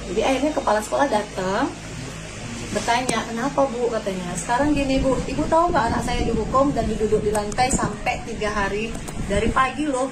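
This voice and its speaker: A woman's voice: fairly high pitch, fairly quick. A woman, a pupil's mother, telling an interviewer what happened at her child's school, indignant and acting out what each person said. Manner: indignant, quotes others in dialogue. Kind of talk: emotional interview account. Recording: noisy background ambience.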